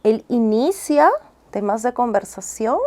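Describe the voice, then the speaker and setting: A woman's voice: a little high, lively intonation, measured pace, warm tone. A woman speech and language therapist explains things to a listener in a patient, teacherly way. She keeps checking in with short tag questions. Now and then she sounds out syllable drills the way she would with a child. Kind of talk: explaining as an interview guest.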